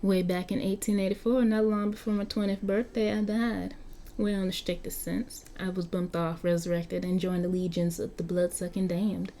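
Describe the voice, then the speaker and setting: A woman's voice: medium pitch, flat delivery, normal speed, mellow, slight background noise, natural voice. A woman with a Southern US accent voicing a cocky, slangy vampire who has been stuck looking nineteen for over a century, while reading an interactive story aloud. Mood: flippant. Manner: chatty, flippant, slangy. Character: cocky young-looking vampire, century-old street kid.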